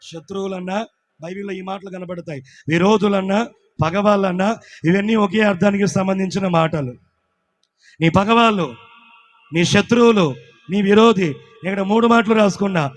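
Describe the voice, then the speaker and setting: Pastor guy with a really high voice, belts the big lines then goes quiet, has the crowd repeat after him. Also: normal speed, long pauses. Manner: shouting peaks, then drops to quiet asides. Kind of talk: call-and-response sermon.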